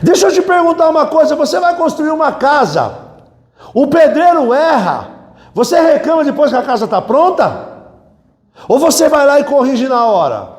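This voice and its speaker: Pastor guy, high voice, joking with couples in an echoey hall. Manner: animated, humorous storytelling with questions to the audience. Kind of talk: sermon at a couples' retreat.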